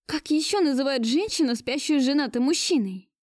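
Woman voicing a shrill, distraught young heroine. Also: expressive, a little fast, a little mellow, no room sound, clean studio sound. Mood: bitter. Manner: shrill, near hysterical outbursts.

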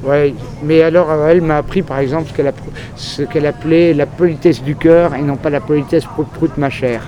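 This recording sounds dull and carries outdoor crowd and traffic noise from a busy city street, where a French journalist speaks frankly in a street interview. His fairly high, dark-toned voice is steady and brisk as he rambles through a long, filler-heavy story.

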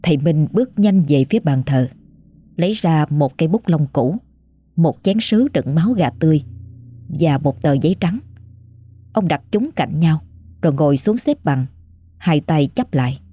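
Woman reading a ghost story, low husky voice, slow and creepy, soft music behind. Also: lively intonation. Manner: measured, suspenseful delivery. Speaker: narrator. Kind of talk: scripted ghost story narration.

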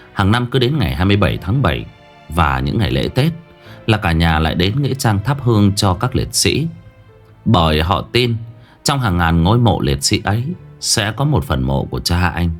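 Deep-voiced male storyteller. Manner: slow, emotional, expressive. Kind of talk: emotional story narration.

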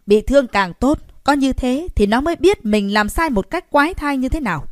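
A woman voicing an irritable old grandfather who scolds loudly, reading an audiobook story. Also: medium pitch, lively intonation, brisk, dry recording, clean studio sound, lightly acted. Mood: angry scolding. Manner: angry, scolding, raised voice.

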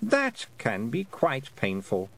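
Storybook fairy queen, cold and sweetly cruel, lifted higher and slower, played by a man. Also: huge pitch swings, vocal fry, heavily acted. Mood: sweetly menacing. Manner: pleasant, cold and threatening.

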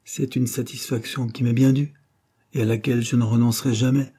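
A man reading aloud, voicing a proud, vengeful young woman with a scornful, sharp delivery. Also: medium pitch, level tone, brisk, husky, natural voice.

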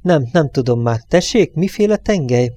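A man's voice: fairly high pitch, expressive, mellow, no room sound, pitched above the performer's own voice, close to an everyday voice. A man voicing a badly wounded, delirious male truck driver who speaks in pained, breathless, rambling phrases, in an audiobook reading. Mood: confused.

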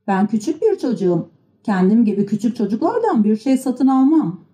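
A woman's voice: a little high, sing-song, brisk, warm tone. A woman voicing a matter-of-fact little boy in a storybook reading, close to her own voice. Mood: dismissive.

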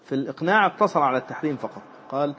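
This man talks at a racing pace, his intonation lively and his tone fairly bright. He's teaching Islamic jurisprudence, reading from a classical text before explaining each line with repetition and filler words. The audio is muffled and lo-fi, with faint noise in the background.

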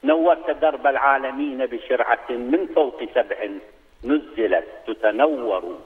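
A man's voice: medium pitch, measured pace. A man on a phone call, giving a formal greeting and then reciting a poem in a declamatory manner. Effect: heard over a phone line. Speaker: phone-in guest poet. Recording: tinny phone line.

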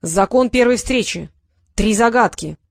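A woman voicing a quick-witted young boy who talks urgently and insistently in an audiobook. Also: medium pitch, animated, no room sound, studio quality, lightly acted. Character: quick-witted boy squire, cornered but bold.

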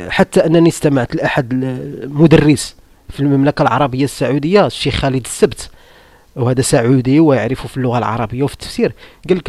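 A man's voice: mid-range voice, darkish tone, no echo. A man with a Moroccan accent hosting an online debate room, arguing in a combative, mocking way full of rhetorical questions. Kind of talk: argumentative live-room monologue.

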